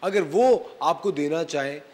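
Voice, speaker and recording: A man's voice: on the high side, expressive, unhurried, a little mellow. A male talk show host asking curious questions and giving brief affirmations. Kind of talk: casual talk show chat.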